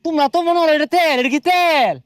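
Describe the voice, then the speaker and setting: A man's voice: extremely high pitch, fast talker. A man playing a sly boastful fuel hoarder. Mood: haggling. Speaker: fuel hoarder in a comedy skit. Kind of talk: comic sketch acting.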